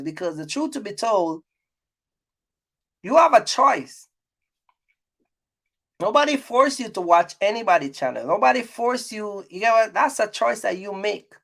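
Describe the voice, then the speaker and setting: This trucking-business YouTuber addresses his audience vlog-style with a distinctly high voice that sounds gravelly yet fairly bright. He talks loosely and colloquially, sharing plenty of opinions and driving points home emphatically through repetition.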